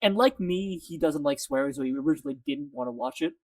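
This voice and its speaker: A man co-hosting a casual fan chat, excitable and gushing, recorded on a distant mic. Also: high-pitched, creaky, no room sound. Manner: excitable, gushing, quick talker. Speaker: podcast co-host.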